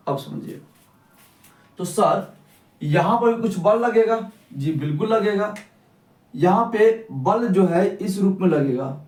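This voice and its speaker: Echoey, high-voiced teacher quizzing himself. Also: male voice, darkish tone. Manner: asks questions and answers them himself. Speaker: physics teacher. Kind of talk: classroom physics lesson. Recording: echoey room, mic at a distance.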